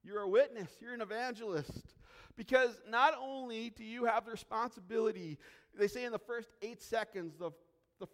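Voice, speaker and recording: A man's voice: very high voice, normal speed. A man preaching as a pastor, earnest and emphatic, repeating key phrases for weight, from Canada. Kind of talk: sermon. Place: church sanctuary. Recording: long hall reverb.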